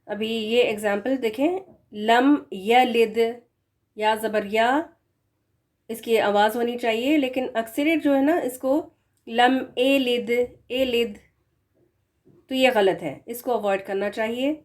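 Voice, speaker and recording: A woman teaching a recorded Quran recitation lesson who slows down to model correct and wrong pronunciations, with earnest, admonishing asides. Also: fairly high pitch, darkish tone. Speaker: tajweed teacher.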